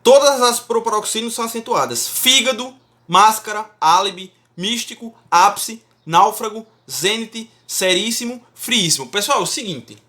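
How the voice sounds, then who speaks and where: A man lectures on Portuguese grammar as if in a classroom, pitch rising and falling sharply on stressed syllables. Animated and at normal speed, his bright, forceful voice stays emphatic as he repeatedly checks in with students.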